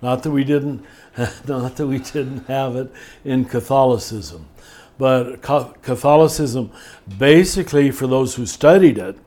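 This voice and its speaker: An older man speaking as a spiritual teacher in a podcast conversation, thoughtful and measured, slowing down to stress key words. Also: medium pitch, darkish tone.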